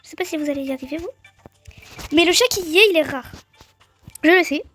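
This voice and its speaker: A woman giving chatty, excitable let's-play commentary on a game, talking straight to her viewers. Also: very high-pitched, fast talker, faint music behind. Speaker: gaming video creator.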